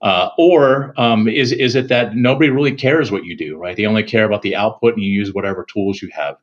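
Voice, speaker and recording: Low-voiced man guest on a dull remote line. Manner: measured, thinking aloud with fillers. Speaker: security executive guest. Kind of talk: casual interview answers.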